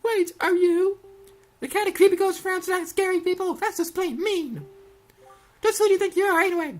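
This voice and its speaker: A woman's voice: very high voice, faint music behind, voice pushed up. A woman voicing a young girl, a rich debutante fallen into poverty, in a theatrical, pleading and self-pitying way as she reads game dialogue. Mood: startled. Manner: theatrical, pleading, rapid gushing delivery. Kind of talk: reading game dialogue aloud in a put-on voice.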